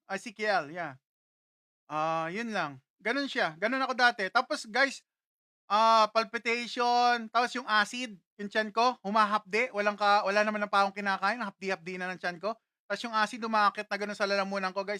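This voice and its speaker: A man's voice: sits high, sharp tone, clear, resonant tone, dry recording, studio quality. A young Filipino man casually chatting on a livestream, reading out viewer comments and laughing often. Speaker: livestream host.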